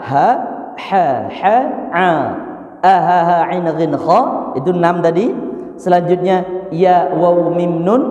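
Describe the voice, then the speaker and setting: A man's voice: high-pitched, warm tone. A man teaching Quran recitation to a class, asking questions and answering them himself, counting letters aloud and chanting short examples. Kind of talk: classroom teaching with call-and-response. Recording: echoey room with long reverb.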